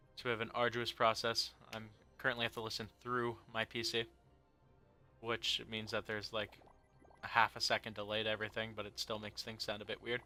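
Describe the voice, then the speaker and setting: Over game music, a young man hosting a let's play rambles casually about his game, tossing in jokes and lots of fillers. His voice is fairly low with a sharp tone.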